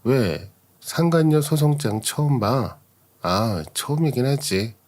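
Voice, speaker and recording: A man's voice: mid-range voice, lively intonation, takes it slowly, a little mellow, a little hiss or hum. A man voicing a betrayed young wife who confronts her husband with cold sarcasm. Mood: scornful.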